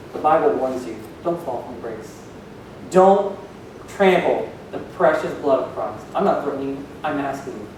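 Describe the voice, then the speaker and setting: A man's voice: medium pitch, background noise. A man preaching a sermon as pastor, questioning the congregation as he goes. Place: church hall. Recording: echoey hall, voice from far off.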